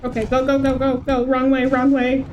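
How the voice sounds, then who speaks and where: Speaking at an ordinary pace in a monotone, a woman with a high, somewhat dark voice streams a game and chats casually with viewers. English is not her native language. Faint noise sits in the background.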